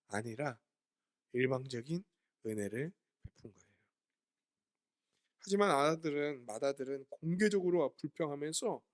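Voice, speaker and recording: A man preaching a sermon as pastor, asking his listeners questions and answering them himself while explaining words from the Greek Bible. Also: a little high.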